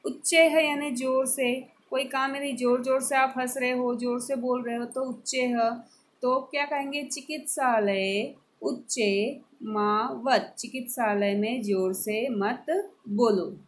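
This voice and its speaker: A woman teacher explaining Sanskrit grammar, giving each word and its meaning slowly and repeating examples for students. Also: high voice, steady tone, a little hiss or hum, poor audio. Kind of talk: classroom lesson explaining grammar.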